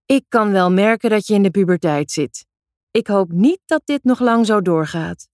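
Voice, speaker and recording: A nagging mother in a storybook reading, her voice pitched up and reproachful, as a woman reader puts her on. The sound is close and dry, with no room around it. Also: expressive, normal speed, darkish tone, no echo, lightly acted. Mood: scolding. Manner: reproachful, raised voice. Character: nagging middle-aged mother scolding her teen daughter.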